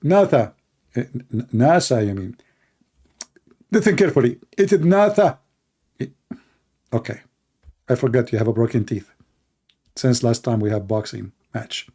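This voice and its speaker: Sarcastic man, mellow voice. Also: mid-range voice, moderate pace, pauses often, husky. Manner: mocking, sarcastic. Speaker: video host. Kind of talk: comedic commentary.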